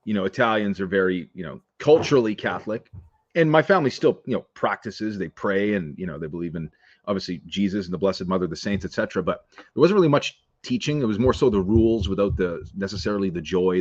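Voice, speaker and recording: A man's voice: low voice, no echo, lo-fi sound. A man talking as a podcast guest in a casual interview, earnest and laid-back with many fillers.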